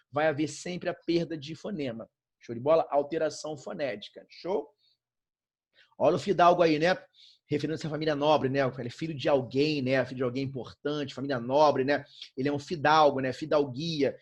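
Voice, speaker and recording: A man's voice: fairly high pitch, slightly rough. A Brazilian man teaching a grammar class, talking casually and checking in constantly with the students. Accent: Brazilian Portuguese. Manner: chatty, constant checks like "né?" and "show?". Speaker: Portuguese teacher. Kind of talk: recorded class lecture.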